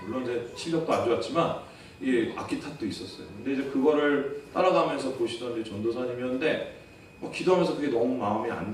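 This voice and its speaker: A man's voice: medium pitch, a little hiss or hum. A man in his thirties preaching a sermon as pastor, earnest and storytelling, asking the congregation rhetorical questions. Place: church sanctuary. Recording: echoey church hall from far off.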